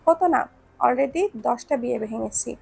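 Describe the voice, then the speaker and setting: A woman's voice: on the high side, a little slow, creaky, darkish tone, breathy edge, no room sound, full character voice. A woman voicing a blunt, cold, possessive young man in a read-aloud romance story, with curt, clipped answers. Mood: terse.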